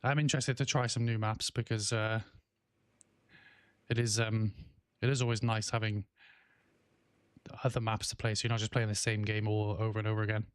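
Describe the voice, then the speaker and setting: Here an English-born man in his thirties, his accent tinged with Welsh, rambles through casual livestream chat for a game stream, reading comments aloud amid fillers, restarts, and the odd cough or throat-clear. His voice sits on the low side, level in tone, at normal speed with frequent pauses. The sound is studio quality with no echo.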